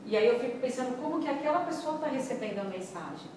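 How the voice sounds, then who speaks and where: A woman's voice: high-pitched, animated, quick pace, a little mellow, a little hiss or hum. Woman giving a class, chatty, always checking in, voice bouncing round a big echoey room from far away. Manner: conversational, checks in with listeners often. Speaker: instructor. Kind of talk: classroom lecture.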